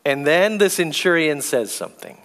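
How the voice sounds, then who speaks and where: Man preaching in a big hall, fairly high voice, reads scripture slow and heavy. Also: sing-song, a bit bright. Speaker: pastor. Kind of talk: sermon. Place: church sanctuary.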